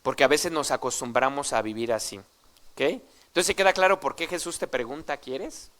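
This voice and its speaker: A man's voice: mid-range voice, fairly quick, fairly bright tone. A man with a Mexican Spanish accent preaching a sermon in a conversational way, full of rhetorical questions and tag questions to the congregation. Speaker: pastor.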